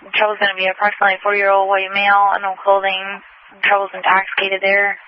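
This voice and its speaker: A woman's voice: medium pitch, monotone, quick pace. An American woman dispatching over police radio in clipped codes, matter-of-fact. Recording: muffled, noisy police radio with clicks.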